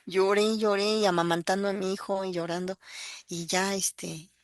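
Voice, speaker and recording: A woman's voice: mid-range voice, steady tone, normal speed, no room sound, clean studio sound. A woman with a Mexican accent giving an emotional personal testimony, earnest and full of fillers as she tells her story. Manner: earnest, breaks into acted quotes, many fillers.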